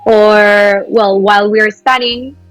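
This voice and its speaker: A woman's voice: medium pitch, steady tone, slow pace, no room sound, faint music behind, poor audio. A woman from Peru, a podcast guest chatting casually and laughing often. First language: Spanish.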